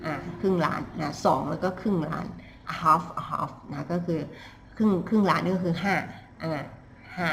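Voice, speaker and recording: A woman teaching English pronunciation, explaining in Thai and repeating English phrases slowly and carefully. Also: low-pitched, gravelly, a little hiss or hum.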